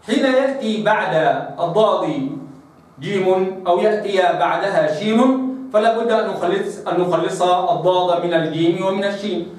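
A man teaching the pronunciation of Arabic letters for Quran recitation, explaining step by step and slowly demonstrating the sounds. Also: high voice, distant mic. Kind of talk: tajweed phonetics lesson. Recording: echoey room, voice somewhat off-mic.

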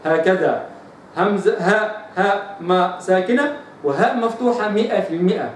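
A high-pitched Egyptian man gives a recitation lesson, repeating letter sounds slowly as drills. His voice rings in a very echoey room, heard from some distance with faint noise behind. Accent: Egyptian Arabic. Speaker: Quran recitation teacher.

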